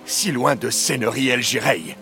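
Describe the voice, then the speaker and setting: A man's voice: mid-range voice, moderate pace, creaky, sharp tone, soft background music. A man voicing a wounded middle-aged dragon hunter, speaking in a hollow, pained, grave voice in a storybook reading. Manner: hollow, grave, strained with pain.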